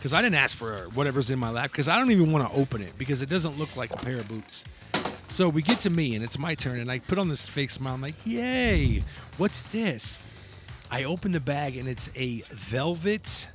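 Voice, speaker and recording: A man's voice: mid-range voice, sing-song, brisk, a bit bright, soft background music. A man co-hosting a casual podcast, telling a family story and acting out the quotes with laughs. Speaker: podcast co-host.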